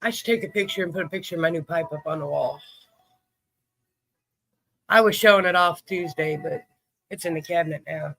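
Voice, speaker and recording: A man's voice: on the high side, a little fast, gravelly, long pauses, sharp tone. A man hosting a livestream in casual chat, greeting viewers by name. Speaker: livestream host.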